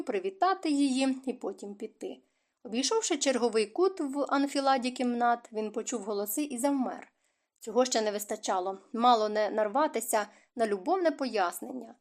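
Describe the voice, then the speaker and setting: In expressive storytelling style, a female audiobook narrator reads aloud from a romance novel, her voice pitched on the high side.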